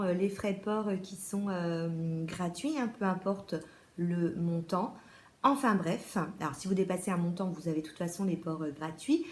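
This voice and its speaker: Chatty French woman in an echoey room. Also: mid-range voice. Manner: chatty, many fillers and restarts. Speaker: beauty vlogger. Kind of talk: casual haul video.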